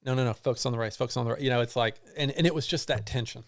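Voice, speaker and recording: A middle-aged man, a guest on an interview show, telling a long personal story in a halting way, with many restarts and fillers. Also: mid-range voice, vocal fry. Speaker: guest runner.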